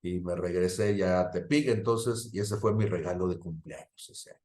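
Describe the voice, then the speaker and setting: A man preaching a sermon, telling a personal story and swinging from loud to hushed, often checking in with the listeners. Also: low-pitched, fairly even intonation, moderate pace. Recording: roomy echo.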